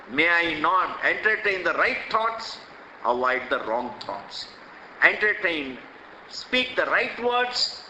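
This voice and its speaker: A man's voice: fairly high pitch, pushed and bright, a little hiss or hum. An older man with an Indian accent giving a spiritual discourse, emphatic and repetitive, full of rhetorical questions, recorded in an echoey hall. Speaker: swami teaching scripture.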